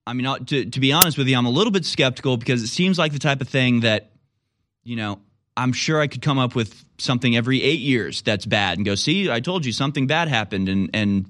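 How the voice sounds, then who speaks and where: A man's voice: mid-range voice, brisk, a bit bright, no room sound, clean studio sound. An American man hosting a live call-in talk radio show.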